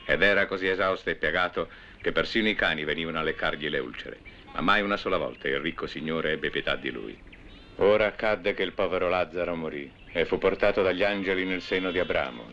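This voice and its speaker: Brief: earnest disciple, low and forceful, steady storyteller in a 1970s film drama. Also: male voice, fairly quick. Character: earnest male disciple telling a parable. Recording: dull old film soundtrack with faint hiss.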